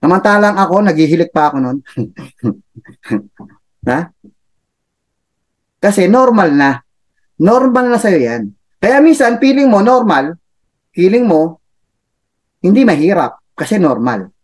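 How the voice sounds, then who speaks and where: A man's voice: sits high, big pitch swings, measured pace, pauses often. A man giving a chatty motivational talk, laughing often and tossing in tag questions. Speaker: motivational speaker for a business club.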